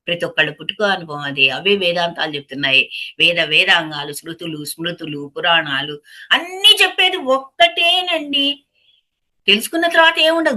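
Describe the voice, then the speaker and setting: A woman's voice: medium pitch, pushed and bright. A woman giving a spiritual talk as a meditation teacher, who asks her listeners rhetorical questions and repeats phrases for emphasis. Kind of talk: spiritual discourse.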